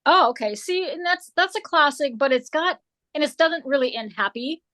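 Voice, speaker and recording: A slightly hoarse woman chats as a guest author, her voice sitting a little high. She rambles through her answers with plenty of filler words. It is relaxed, unscripted conversation. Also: moderate pace. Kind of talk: casual conversation.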